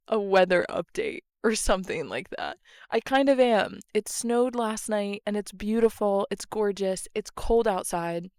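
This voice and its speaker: A woman's voice: medium pitch, clear, resonant tone, no room sound, clean studio sound. A young woman hosting her podcast, chatting casually and laughing at herself while standing outside in the cold. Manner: chatty and self-mocking, laughs between phrases. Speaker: podcast host. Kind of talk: casual solo chat outdoors. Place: outdoors in the cold by a train line. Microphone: camera close up.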